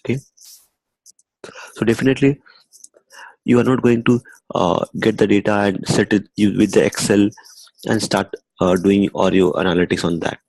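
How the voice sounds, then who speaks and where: A young man talks through a screen-recorded coding lesson in a loose, conversational way, tucking "okay" between his phrases. His voice sits low and husky, with a gravelly edge, and the close mic sounds dry. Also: fairly even intonation, normal speed, pauses often, a little mellow, dry recording, rough recording. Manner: conversational, repeats "okay" often, restarts phrases. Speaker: instructor.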